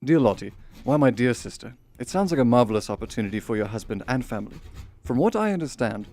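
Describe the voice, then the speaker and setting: In a radio drama, an actor plays a courteous, affectionate Victorian gentleman reading letters to his sister, using formal, articulate period diction. His medium-pitched voice is expressive and quick, lightly acted, with a pleased, encouraging mood.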